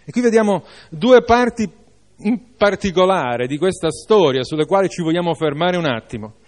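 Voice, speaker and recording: A man's voice: sits high, lively intonation, normal speed. A man preaching a sermon, reading a Bible passage aloud and then exhorting his listeners with informal asides.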